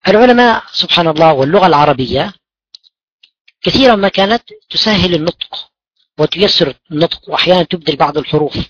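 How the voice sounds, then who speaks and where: Teaching the rules of Quran recitation, this man patiently asks questions and supplies the answers himself, repeating key words as he explains tajweed. He has a high, slightly bright, husky voice, heard in a dull, lo-fi, dry recording with no echo.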